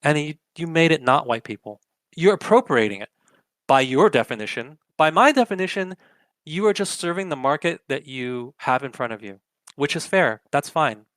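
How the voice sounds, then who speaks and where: A man's voice: fairly high pitch, lively intonation, normal speed, a bit bright, no echo. A young adult man hosting an opinionated commentary show, arguing emphatically with lots of rhetorical questions. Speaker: political commentary host.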